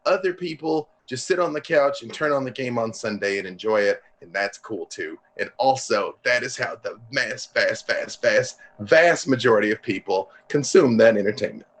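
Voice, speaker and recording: A man's voice: medium pitch, lively intonation, normal speed, hardly any pauses, fairly bright tone. A man, a comic book writer, talking animatedly on a panel and acting out quoted voices. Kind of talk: lively panel discussion.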